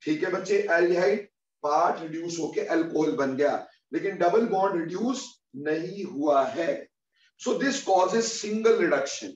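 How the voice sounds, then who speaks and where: High-voiced chemistry teacher, echoey room. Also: male voice, darkish tone. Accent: Hindi-English mix. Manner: calls students "beta", dictates formulas slowly. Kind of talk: online class lecture. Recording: muffled, echoey, far from mic.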